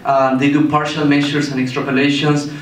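An Argentine startup founder in his thirties presents to an audience in an indoor meeting room with a projector screen, holding a handheld mic. His voice is a little high and level, and he speaks haltingly with many fillers and restarts. A distant camera captures it, so the room sounds echoey with a faint hiss.

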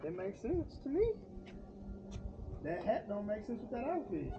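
A middle-aged man with a high voice talks in a loose, slangy way, lecturing his son with fatherly teasing. He is recorded outdoors on a driveway by a camera some distance off. The sound is dull, and steady noise runs behind him. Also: measured pace. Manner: preachy, teasing fatherly talk in casual slang. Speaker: vlogger and father. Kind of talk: casual chat while washing a motorcycle. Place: outdoor driveway beside a house.

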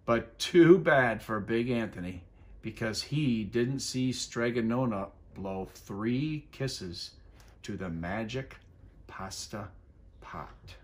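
Slow, animated man reading to children. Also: mid-range voice. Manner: expressive, explaining to young children. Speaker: school superintendent reading a storybook. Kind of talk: children's story time read-aloud. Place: living room armchair by a fireplace, indoors.

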